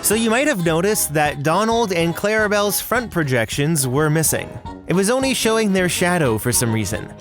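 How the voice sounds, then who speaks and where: Video host, casual explanatory narration for a countdown, mid-pitched voice, music bed. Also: expressive, normal speed.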